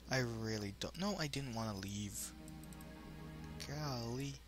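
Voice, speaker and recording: A man's voice: mid-range voice, slow, music in the background. A man hosting a let's play with casual, wry commentary that rambles into asides. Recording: home commentary with faint noise.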